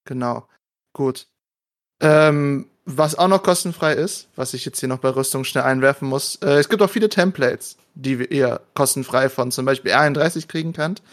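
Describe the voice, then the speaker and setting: A man's voice: medium pitch, moderate pace. A man moderating a panel and presenting casually, with a joking, self-deprecating manner.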